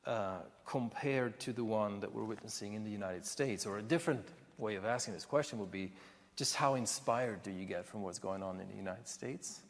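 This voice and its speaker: A man moderating a panel discussion, asking measured questions and repeating words as he goes. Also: lowish voice, gravelly. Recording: reverberant hall recording.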